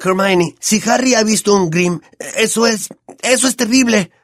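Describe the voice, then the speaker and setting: An anxious teenage boy, voiced by a man in a storybook reading, with a Latin American Spanish accent. He sounds high and earnest, worried and easily riled. The sound is close and dry. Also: moderate pace, no room sound, natural voice. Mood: worried, heated. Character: anxious superstitious teenage boy, quick to anger.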